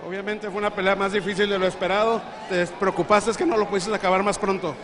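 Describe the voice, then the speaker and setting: A man's voice: sits high, fairly even intonation, rapid-fire. A man interpreting a post-fight interview at ringside. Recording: echoey arena with crowd.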